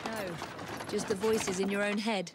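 An actress playing a brisk young Victorian lady adventurer with an English accent, dry and firm in manner. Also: mid-range voice, little pitch movement, background noise, close to an everyday voice. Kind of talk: game cutscene acting.

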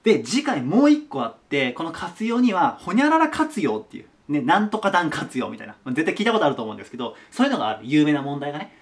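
A man teaching a grammar lesson at a whiteboard, chatty and animated, talking to viewers as his students. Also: fairly high pitch, fast, hardly any pauses.

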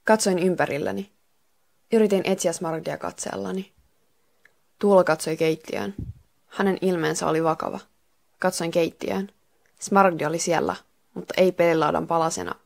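A woman reading a children's story aloud as calm, even first-person narration. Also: on the low side, gravelly. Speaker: reader.

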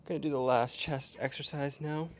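A man's voice: medium pitch, steady tone, normal speed, noisy background. A young man talking casually to camera between sets in a small hotel gym, rambling with lots of fillers. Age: young adult. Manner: laid-back, rambling with many fillers. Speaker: fitness vlogger. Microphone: small clip-on mic, camera at a distance.

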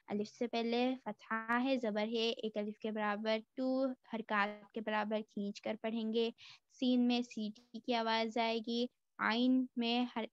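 Lady tajweed teacher, fairly high voice, slow and patient, dry dull audio. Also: clean tone, no room sound. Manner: slow, drawn-out demonstration of words; patient explaining. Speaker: Quran recitation teacher. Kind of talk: tajweed lesson mixing Hindi and English.

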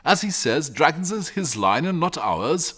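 A man reads as a sensible country mother from a storybook. The pitch is lifted and lively, and the manner is homely, kindly and reassuring. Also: a little slow, slightly rough, exaggerated voice. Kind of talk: storybook character reading.

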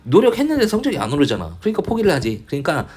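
A man tutoring English in a casual online lecture, thinking aloud, muttering mild swears and reading English lines slowly. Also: on the high side, huge pitch swings, darkish tone, slightly rough.

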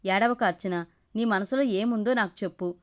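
A woman's voice: medium pitch, normal speed, lightly acted. A woman reading as a kind, coaxing young wife. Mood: gentle coaxing.

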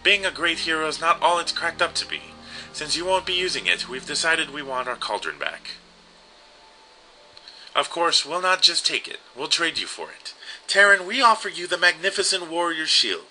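A man's voice: on the high side, very animated, normal speed, pushed and bright, a little hiss or hum, pitched above the performer's own voice, full character voice, rough recording. A man voicing a group of old witches who mock and bargain with the hero, reading their lines in a raised voice.

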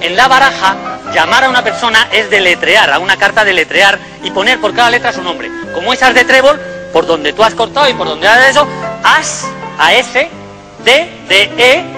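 A man telling a comic card story, playful and animated, acting out voices with sudden loud bursts. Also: high voice, normal speed, over music. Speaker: magician.

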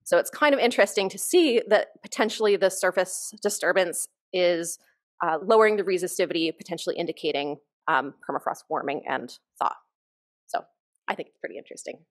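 This woman's fairly low voice is expressive and brisk as she gives a keynote from a conference stage lectern. She walks through her research with casual enthusiasm.

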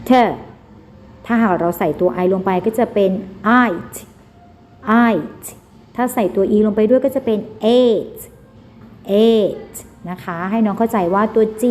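A woman's voice: medium pitch, mellow. A woman with a Thai accent teaching an English phonics lesson to children, patient and mixing Thai with English. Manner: slow, patient, switching between Thai and English.

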